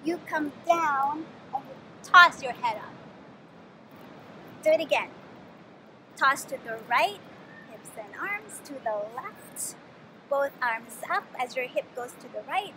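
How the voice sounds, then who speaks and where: A woman's voice: high-pitched, animated, slow, long pauses, bright, forceful tone, slight background noise, poor audio. A woman outdoors carefully explaining a dance routine step by step. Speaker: dance instructor. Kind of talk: dance tutorial.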